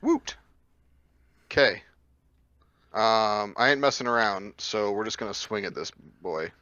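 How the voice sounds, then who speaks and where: A man's voice: on the low side, normal speed, pushed and bright, dry recording, highs cut off. A man playing a tabletop game, eagerly explaining the rules in casual chat.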